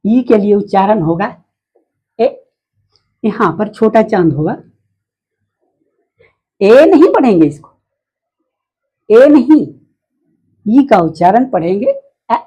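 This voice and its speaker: A woman teaching letter sounds in a slow, repetitive way, often asking the listener questions. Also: medium pitch, lively intonation, warm tone, slightly rough, poor audio. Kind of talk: phonics lesson.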